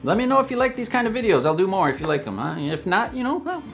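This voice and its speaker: A man's voice: high-pitched, sing-song, quick pace, faint music behind. Chatty man hosting a whiskey review. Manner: chatty, upbeat, talks straight to viewers. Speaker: host of a whiskey review channel. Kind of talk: casual tasting review vlog.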